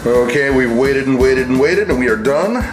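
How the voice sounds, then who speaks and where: A man with a mid-pitched voice narrates a casual product review. He is folksy and jokey, dropping playful asides as he goes. Music plays behind him. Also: lively intonation, moderate pace.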